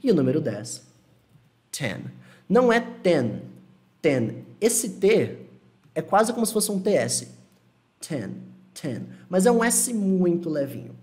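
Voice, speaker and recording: A young man teaching an online lesson, relaxed and reassuring, repeating words slowly to model pronunciation. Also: high voice. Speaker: English teacher.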